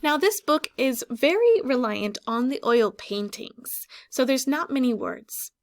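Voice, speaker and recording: A woman with a fairly high voice reads a picture book aloud to young children, sounding like a teacher. She is expressive and clearly instructive, with lively intonation, stretching out key words and pausing after questions so her listeners can think.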